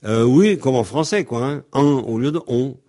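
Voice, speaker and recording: A man's voice: mid-range voice, expressive, normal speed, dark tone. A man teaching pronunciation, speaking hesitantly with frequent ums and spelling words out letter by letter. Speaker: Breton language teacher.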